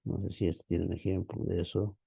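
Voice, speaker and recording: A man's voice: low voice, little pitch movement, a little fast, vocal fry, husky, no room sound, muffled recording. A man teaching a biblical Greek class online, explaining patiently and calling his students brothers.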